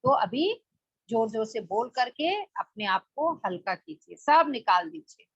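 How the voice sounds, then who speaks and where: Husky woman teaching a book study. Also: a little high, expressive, a little slow, dry recording. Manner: explains plainly, rhetorical questions. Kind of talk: spoken book study talk. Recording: dull lo-fi dry recording.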